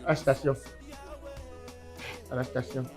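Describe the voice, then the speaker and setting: A man's voice: medium pitch, level tone, unhurried, darkish tone, soft background music, natural voice. A man with a Cameroonian French accent playing a sly young taxi driver who pleads and stalls with excuses. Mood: pleading. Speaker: comedy sketch actor. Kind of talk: sketch comedy acting.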